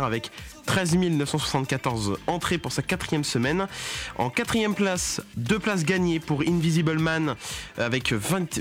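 A man's voice: a little high, a bit bright. A young man hosting a casual radio segment, rambling with many fillers and joking exasperation. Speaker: radio show host.

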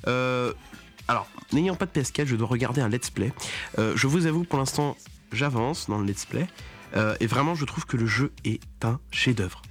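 A man's voice: mid-range voice, normal speed, a bit bright, faint music behind. A young man hosting a casual radio segment, rambling with many fillers and joking exasperation. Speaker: radio show host.

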